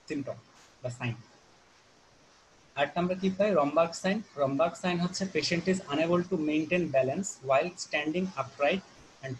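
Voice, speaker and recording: A man's voice: a little high, a little hiss or hum, poor audio. Man lecturing medical students. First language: Bengali. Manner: explains terms slowly, mixing in English phrases.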